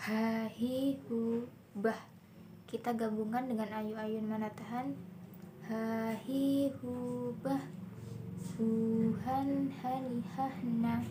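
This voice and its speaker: A young woman presenting a recitation lesson, slowly and carefully sounding out each letter. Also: a little high, noisy background.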